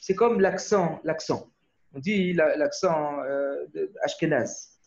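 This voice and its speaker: A man's voice: a little high, slow, vocal fry, darkish tone. A man born in Australia giving an informal Torah class over a video call, rambling with many restarts and checking in with his listeners. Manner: rambling, restarts often, asks "hmm?" of listeners. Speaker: Torah teacher. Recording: muffled video call audio.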